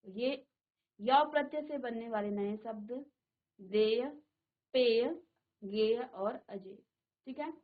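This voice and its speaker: Slow, patient woman teaching a class. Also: a little high, narrow, tinny audio. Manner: slow, repeats each word and asks the class. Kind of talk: classroom lesson. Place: virtual classroom studio.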